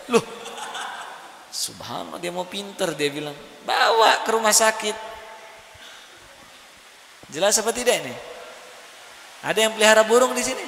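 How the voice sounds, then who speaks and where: A man gives a lively sermon in a high, bright voice, often turning to the audience with questions. The sound is roomy, with a long echo from the hall. Faint noise sits under the voice. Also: normal speed, gravelly, pauses often. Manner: animated, asks the crowd questions. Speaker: preacher. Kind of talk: sermon at a religious study gathering.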